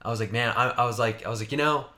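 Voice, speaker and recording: Bright-voiced young man telling a story. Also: fairly low pitch, flat delivery, rapid-fire. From Washington state. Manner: rambling, profane, acts out both sides of his story. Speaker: podcast host. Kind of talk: casual storytelling chat.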